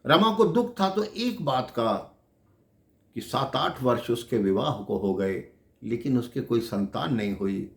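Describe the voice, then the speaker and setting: A man's voice: mid-range voice, lively intonation, measured pace, vocal fry. A man telling a devotional story, addressing listeners affectionately as brothers and sisters. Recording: echoey room.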